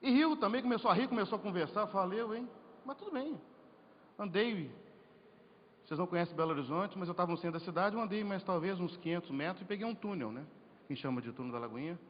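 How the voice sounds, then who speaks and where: A man's voice: high voice, fast. Preacher man telling a testimony. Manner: storytelling, animated, jokes and rhetorical questions. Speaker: preacher at a men's congress. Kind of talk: sermon with personal testimony. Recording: lo-fi hall recording with faint noise.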